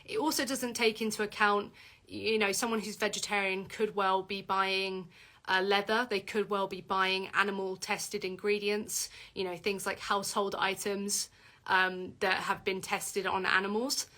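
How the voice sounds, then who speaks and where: A woman with a deep voice for a woman hosts a casual livestream Q&A, reading out viewer comments and answering with lots of fillers and restarts. Her tone is level and her delivery pushed and bright at a normal speed.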